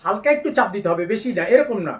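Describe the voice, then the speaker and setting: A man teaching Quran pronunciation, patiently explaining each letter and drawing out the sounds slowly. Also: sits high, expressive, darkish tone, distant mic. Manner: slow drawn-out demonstrations of letter sounds, patient instructions. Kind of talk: step-by-step pronunciation lesson.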